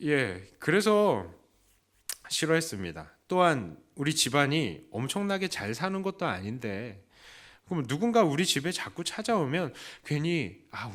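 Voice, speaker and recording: A man preaching a Sunday sermon as pastor, asking the congregation questions and acting out quoted voices. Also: fairly bright tone. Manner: acts out quoted voices with raised pitch. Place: church.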